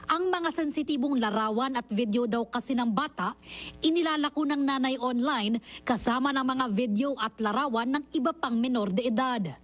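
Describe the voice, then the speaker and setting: A woman news anchor reading a scripted report in a measured, formal delivery. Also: high-pitched.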